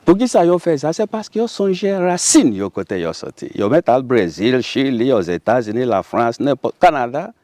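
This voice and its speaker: A man from Haiti with a Haitian Creole accent, speaking as a guest in a casual interview, animated and laughing often. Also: mid-range voice, normal speed, few pauses, no room sound.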